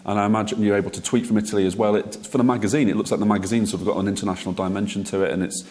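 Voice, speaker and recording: A man's voice: lowish voice, fairly even intonation, a little mellow. A man interviewing a guest on stage, repeating words as he works out his questions. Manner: quick, stammering repeats while forming questions. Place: festival stage interview, indoors.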